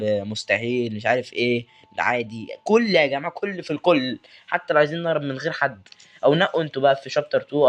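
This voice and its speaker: A young man with an Egyptian Arabic accent commentating a horror game, nervously muttering prayers and taunting the game. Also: mid-range voice. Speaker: gaming YouTuber.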